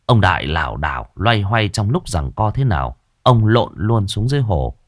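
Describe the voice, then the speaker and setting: A man's voice: on the low side, big pitch swings, normal speed, no echo, clean studio sound. A man narrating a ghost story in a dramatic storytelling manner.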